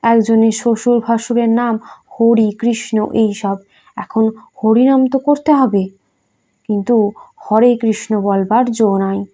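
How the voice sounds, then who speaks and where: A woman giving a measured, reverent devotional reading of scripture. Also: on the high side, steady tone, dark tone. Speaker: scripture reader.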